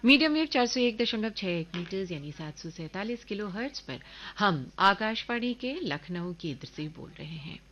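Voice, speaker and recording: A woman's voice: mid-range voice, expressive, moderate pace, hardly any pauses. A woman radio announcer giving a formal station announcement, heard as a faint, fading AM broadcast. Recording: dull, distant lo-fi radio sound.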